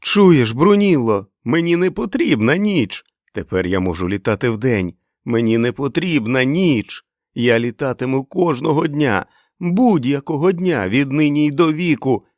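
A man voicing a winged grown father who longs to fly, shouting his joy at being free. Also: low voice, expressive, moderate pace, no room sound, studio quality. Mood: exultant. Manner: bursts into loud joyful exclamations. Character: winged grown father yearning to fly, gloomy then overjoyed. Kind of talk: audiobook character reading.

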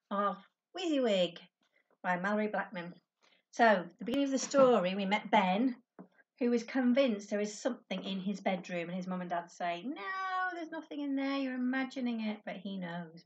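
A woman teacher reading a children's book aloud to her class, with clear, expressive storytelling. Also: medium pitch, moderate pace, far from the mic, lo-fi sound.

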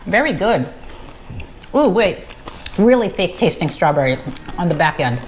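A woman's voice: lowish voice, sing-song, normal speed, slight background noise, rough recording. A woman co-hosting a candy taste test, giving candid, plain-spoken verdicts while her mouth is full of candy. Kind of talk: casual chat.

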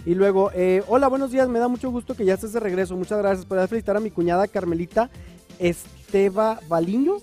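A man's voice: sits high, fast, warm tone, soft background music. A man co-hosting a live morning TV show, joking playfully and reading viewer messages aloud, with a Northern Mexican accent. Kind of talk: lively morning TV chat. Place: TV studio.

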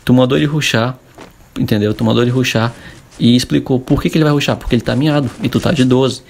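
A man's voice: medium pitch, steady tone, quick pace, creaky, darkish tone. A young Brazilian man coaching gamers in a casual advice vlog, chatty and full of tag questions. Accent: Brazilian Portuguese. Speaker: gaming coach.

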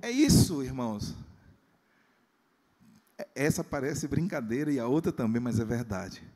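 A man's voice: mid-range voice, measured pace, warm tone. A pastor, preaching a humorous sermon in a church and acting out the people in his stories. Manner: storytelling, acts out quoted voices. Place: church sanctuary. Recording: long church hall reverb.

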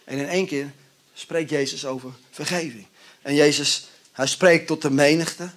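A man's voice: fairly high pitch, fairly even intonation, moderate pace, a bit bright. A male pastor preaching a sermon in a conversational, storytelling way.

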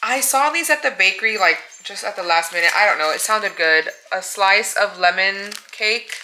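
A woman's voice: medium pitch, normal speed, sharp tone, slight background noise, low-quality recording. An American woman vlogger chatting casually and thinking aloud, with lots of fillers, sounding tired. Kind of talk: casual chat.

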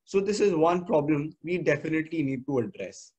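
Young Indian man, slightly higher-pitched voice. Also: lively intonation, brisk, a little mellow, slightly rough, highs cut off. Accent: educated Indian English. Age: teenager, about 16 or 17. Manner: earnest, formal wording. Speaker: student presenter. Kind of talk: formal slide presentation.

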